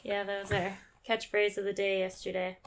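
A young woman co-hosting a casual podcast, telling stories in an animated way and quoting people, her voice a little sore from yelling. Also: mid-range voice, normal speed. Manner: animated storytelling, quotes herself and others. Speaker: podcast co-host. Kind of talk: casual chat.

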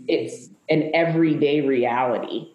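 A woman pastor from Zambia and the US, speaking in a live panel conversation in a halting, emotional way with many fillers. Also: deep voice, highs cut off, a little hiss or hum. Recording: echoey room.

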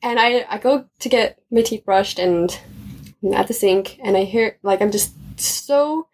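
A young woman, a student, telling a personal faith story in an animated, chatty way. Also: medium pitch, a little slow, husky. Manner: animated, chatty, often laughing.

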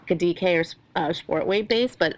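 A woman co-hosting a knitting podcast, chatting casually and lively, asking questions and laughing. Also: on the low side, brisk. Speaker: podcast co-host. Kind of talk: casual chat.

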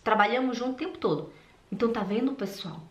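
A woman from Brazil telling personal stories and encouraging viewers in an animated, expressive way, recorded with a roomy echo. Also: on the high side, quick pace. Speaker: vlogger.

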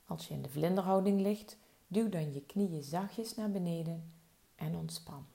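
A woman leads a slow body-relaxation meditation in a soft, soothing way. Her voice is low and mellow, with a heavy gravelly fry. She lets each instruction settle before moving on. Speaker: relaxation guide.

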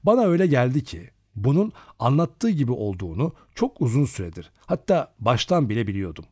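A man narrating a novel as an audiobook, with expressive storytelling. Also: medium pitch, a little fast, dry recording, clean studio sound.

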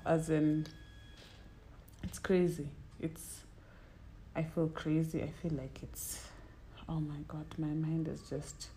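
Slow, low-voiced Kenyan woman, halting and reflective. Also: a little mellow, slight background noise, poor audio. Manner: halting, searching for words, mixes in Swahili. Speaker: podcast co-host or guest. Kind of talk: casual, reflective conversation.

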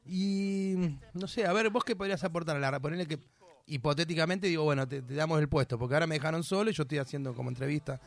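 Fast-talking Argentine man hosting. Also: fairly high pitch. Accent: Argentine Spanish. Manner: fast, fussy, interviewer-like. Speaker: radio host. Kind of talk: radio comedy sketch.

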